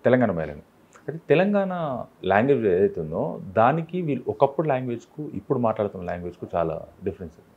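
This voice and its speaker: A man's voice: mid-range voice, very animated, quick pace, husky, phone-quality sound. A man with a Telangana Telugu accent, interviewing a guest, probing with questions and echoing the guest's words. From Telangana, India.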